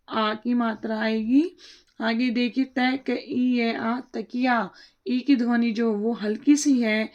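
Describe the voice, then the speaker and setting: Slow, patient woman teacher sounding out syllables. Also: on the high side, a little mellow. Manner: asks questions and answers them herself. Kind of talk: children's worksheet lesson.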